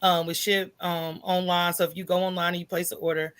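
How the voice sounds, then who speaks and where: Speaking fairly quickly in a lowish, level voice that comes across clear and resonant, an American coffee business owner guests on a podcast. Her conversational answers are informal and colloquial, sprinkled with "right?" and "you know" to check in with the listener.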